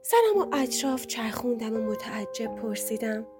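A woman narrating a story in the first person with an expressive telling. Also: fairly high pitch, soft background music.

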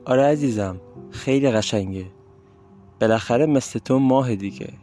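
A man voicing a warm-hearted old grandfather who speaks gently and teases with affection. He sounds like a figure from a storybook radio play. A little music plays faintly underneath. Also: mid-range voice, animated, close to an everyday voice. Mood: gentle. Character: kind, teasing old grandfather. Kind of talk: audio drama acting.

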